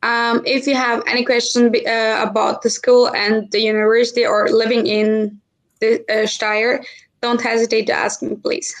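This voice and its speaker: A woman's voice: on the high side, level tone, normal speed. A woman student introducing herself hesitantly on a video call. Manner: soft, hesitant speech.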